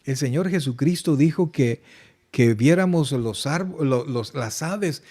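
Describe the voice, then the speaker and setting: A man's voice: mid-range voice, animated, slow pace, warm tone. A male pastor preaching an online Bible study sermon, fervent and emphatic, often turning to address his listeners directly. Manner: quotes worried congregants in a put-on plaintive voice. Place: church streaming an online service.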